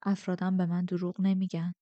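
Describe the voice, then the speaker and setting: Woman reading as a calm, quietly dangerous man, measured storybook voice, dry close mic. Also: on the low side, dry recording, lo-fi sound, natural voice.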